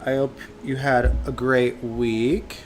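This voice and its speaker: A man's voice: medium pitch, little pitch movement, slow, faint music behind. A man hosting a soap opera after show in a casual livestream chat, talking with a stuffed-up nose from allergies, laughing often and greeting viewers by name. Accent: Canadian.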